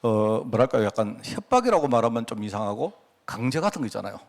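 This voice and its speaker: A man's voice: medium pitch, sing-song, quick pace. A middle-aged man preaching a sermon as a pastor, chatty and full of rhetorical questions, acting out quoted prayers along the way. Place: church sanctuary.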